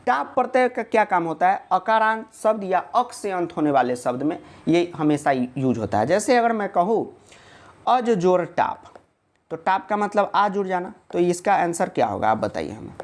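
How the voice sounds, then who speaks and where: A man's voice: high voice, big pitch swings, normal speed. A male teacher gives a casual online video lesson. He keeps posing questions and answering them himself, and breaks in with jokes and reassurance for students. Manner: chatty and joking, reassuring students.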